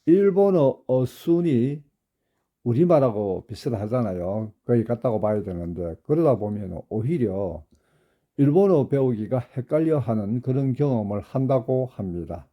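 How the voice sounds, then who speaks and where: A male English teacher gives a grammar lesson at a slow, unhurried pace. His voice is very dark and mellow. He spells out each phrase deliberately, repeating English sentences word by word. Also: mid-range voice, sing-song.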